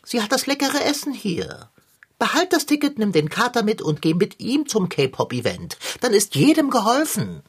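A woman's voice: fairly high pitch, big pitch swings, moderate pace, breathy edge. A woman voicing a sly, greedy and sarcastic male tomcat in a radio play, theatrical and mocking. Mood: wheedling.

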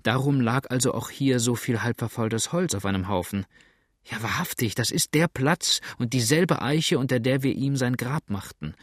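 A man reading aloud and voicing a blunt, gruff frontier sailor in a storybook adventure, speaking in rough outbursts. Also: mid-range voice, normal speed, dry recording, clean studio sound, lightly acted. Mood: agitated.

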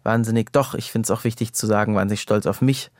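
A man's voice: lowish voice, steady tone, fast talker, no echo, studio quality. A man chatting as a podcast guest, candid and rambling, with frequent fillers and restarts. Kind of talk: casual podcast conversation.

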